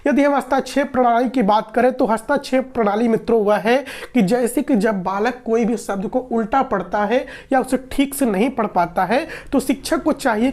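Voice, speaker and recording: A woman's voice: on the high side, darkish tone. A woman teacher giving an exam-prep lecture, explaining patiently, repeating points and asking and answering her own questions.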